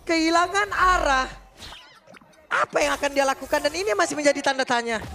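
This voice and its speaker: A man doing excited play-by-play commentary as an esports caster. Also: very high-pitched, rapid-fire, soft background music.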